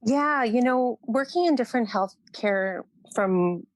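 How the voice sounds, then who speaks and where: A woman's voice: on the high side, animated, a little slow, dry recording. A woman from Canada speaks in earnest about her nursing work, often circling back over her phrases as she hunts for words. The sound is dry and close, with no room around her voice. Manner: earnest, repeats phrases while searching for words. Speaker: nurse guest. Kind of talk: podcast interview, personal reflection.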